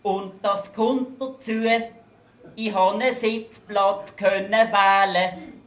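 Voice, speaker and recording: A man with a Basel Swiss German accent performs rhymed satirical carnival verses on an event stage, landing each punchline drily. His voice sits high and he takes his time with every line. The sound is roomy, with echo from a large hall. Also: steady tone, slow pace, fairly bright tone. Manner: wry punchline delivery.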